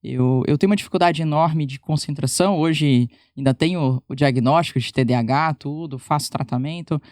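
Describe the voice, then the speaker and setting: Recorded cleanly in a studio with no echo, a physiotherapist with a low-pitched, slightly mellow voice talks briskly as a podcast guest in a casual interview. Her chat is informal and full of fillers, restarts, and self-corrections, in the Paraná Brazilian Portuguese accent of someone born in Minas Gerais and raised in Paraná, Brazil.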